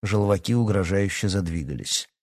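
A man reading a fantasy novel aloud in a measured, expressive way. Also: sits low, breathy edge, dry recording, studio quality. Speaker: audiobook narrator. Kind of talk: scripted narration.

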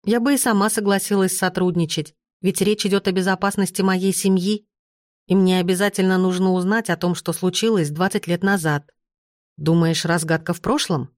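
A woman narrating an audiobook in the first person, with steady, even storytelling. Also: mid-range voice, a little fast, no echo, studio quality.

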